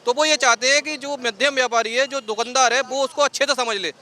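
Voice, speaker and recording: A man's voice: extremely high pitch, fairly even intonation, fairly quick, sharp tone. A man being interviewed on a city street, speaking earnestly and rambling with many fillers.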